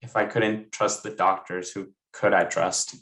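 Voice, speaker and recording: Low-voiced young man reading aloud. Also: level tone, a little slow, a bit bright, low-quality recording. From United States (raised in Maryland). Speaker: panel speaker and author. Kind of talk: online panel talk, then reading a book excerpt aloud.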